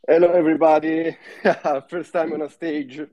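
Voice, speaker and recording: A man's voice: a little high, level tone, dark tone, poor audio. Laughing Italian-accented man. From Italy. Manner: laughs often, halting. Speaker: guest. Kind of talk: casual chat.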